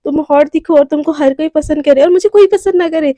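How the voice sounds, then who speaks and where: A woman's voice: high-pitched, a little fast, mellow, no echo, studio quality, lightly acted. A woman voicing a curt, commanding young woman who snaps back with questions. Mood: bossy. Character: bossy, snappish young woman, hungry and jealous.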